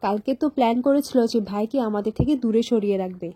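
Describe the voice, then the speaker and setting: Brief: woman playing taunting sister, husky, slightly high. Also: quick pace, warm tone, no echo. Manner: taunting, sarcastic. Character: sharp-tongued sister, spiteful.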